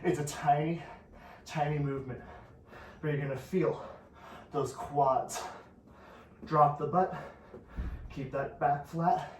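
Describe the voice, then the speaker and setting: A man's voice: on the high side, steady tone, slow pace, long pauses. Breathless man coaching a workout, echoey. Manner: encouraging, counting down, slightly out of breath. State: breathing heavily. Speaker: fitness instructor. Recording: echoey room, distant from the mic, noisy.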